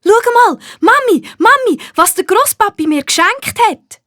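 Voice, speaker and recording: Storybook girl, small, excited, high voice, read by a Swiss German woman. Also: unhurried, dry recording, clean studio sound, exaggerated voice. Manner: high, loud, bubbling. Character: excited little girl, eager and earnest. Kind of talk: children's storybook reading.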